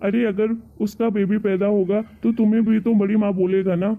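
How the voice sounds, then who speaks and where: A woman's voice: mid-range voice, flat delivery, normal speed, close to an everyday voice. A woman voicing a meek young husband in a cartoon story who coaxes his wife. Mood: coaxing. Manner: coaxing, meek. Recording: tinny phone-like sound.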